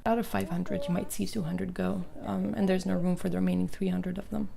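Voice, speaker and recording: A woman's voice: fairly low pitch, level tone, fairly quick, creaky. A woman from Haiti, speaking earnestly and emphatically in a documentary interview. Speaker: refugee interviewee. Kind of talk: documentary interview, personal account. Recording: crowd chatter behind.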